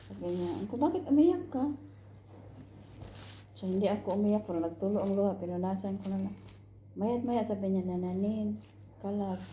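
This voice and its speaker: A woman's voice: medium pitch, fairly even intonation, a little fast, dark tone, a little hiss or hum. A woman in a casual chat who keeps chiming in and calling out to the others around her. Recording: echoey room.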